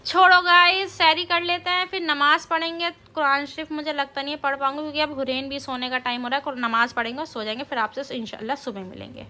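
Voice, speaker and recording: Bright high-voiced woman vlogger. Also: steady tone, fast talker, hardly any pauses. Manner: chatty, speaks straight to viewers. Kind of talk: casual home vlog chat. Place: home at night.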